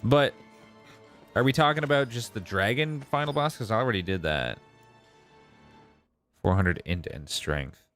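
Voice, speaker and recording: Low-pitched man streaming a video game. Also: lively intonation, a little slow, pauses often, fairly bright tone. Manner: reads and answers viewers' messages aloud. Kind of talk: casual live gameplay commentary. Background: game music.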